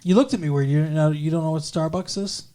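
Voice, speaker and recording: A woman co-hosting a casual podcast. She speaks in a low register, and her delivery is blunt and sarcastic, with plenty of swearing. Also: a little fast, mellow. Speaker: podcast co-host. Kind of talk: casual recap chat.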